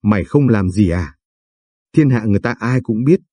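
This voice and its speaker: A man's voice: fairly low pitch, lively intonation, normal speed, dark tone, slightly rough, dry recording. A man voicing a hot-tempered elderly father-in-law who scolds his sons-in-law in long angry tirades. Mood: furious. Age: older.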